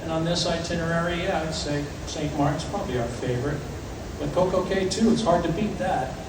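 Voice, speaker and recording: Higher-voiced male captain in a noisy echoey venue. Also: brisk. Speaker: ship's captain. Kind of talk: informal question-and-answer talk to an audience. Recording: echoey venue, distant, clearly noisy ambience.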